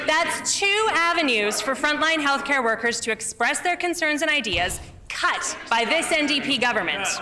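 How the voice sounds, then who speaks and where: A woman opposition legislator asking a pointed, critical question in formal parliamentary style. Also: sits high. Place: large legislative chamber. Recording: clear crowd noise behind.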